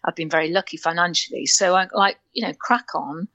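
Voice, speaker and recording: Speaking fairly quickly in a sharp tone, this older North Welsh woman is a guest in a casual chat, telling stories full of laughter and the occasional high squeal. The sound is lo-fi with no room sound.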